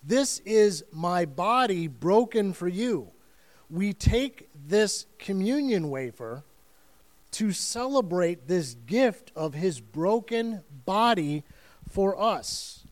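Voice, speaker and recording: A man's voice: sits high, expressive, slow pace. A man preaching a communion sermon as the church's student and family pastor, speaking earnestly and emphatically with frequent restarts.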